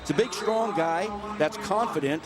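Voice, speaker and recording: A man's voice: high voice, normal speed, over a noisy crowd. A man giving conversational football analysis, explaining plays in a plainspoken, coach-like way. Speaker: color analyst. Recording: clear outdoor stadium noise behind voice.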